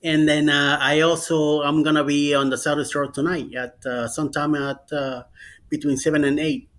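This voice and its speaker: A slightly high-voiced man hosts a late-night livestream over a video call. He sounds worn out and rambles through schedules with plenty of fillers and restarts. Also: level tone, normal speed, a bit bright. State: tired after hours of streaming. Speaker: livestream host.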